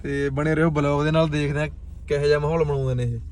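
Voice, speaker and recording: A man's voice: fairly high pitch, level tone, fast, a little mellow, clear, resonant tone. A man with a Punjabi accent hosting a casual vlog, teasing his friends in colloquial banter and peppering them with questions. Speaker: vlog host.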